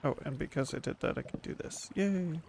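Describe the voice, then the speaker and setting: A man's voice: medium pitch, level tone, fast, creaky, a little hiss or hum. A man casually commenting to himself while playing a video game, with hummed tunes and little sound effects. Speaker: gaming channel host. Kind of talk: relaxed gameplay commentary.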